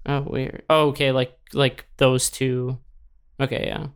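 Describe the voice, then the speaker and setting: A woman's voice: rumbling low, level tone, measured pace, smooth. A woman interviewing someone in a casual, chatty way. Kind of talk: casual chat.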